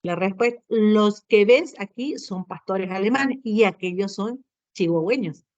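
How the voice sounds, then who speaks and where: A woman teaches a Spanish grammar class, explaining patiently at a measured pace with a medium-pitched, slightly mellow voice. She keeps tagging sentences with short questions, asking and answering herself. The recording is dull, lo-fi and dry, with no room sound.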